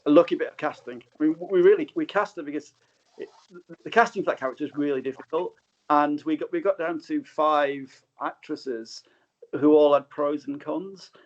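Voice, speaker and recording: A man appearing as a guest film director in a casual interview speaks hesitantly and corrects himself often. His voice is fairly high and moderately paced, coming through slightly dull remote audio.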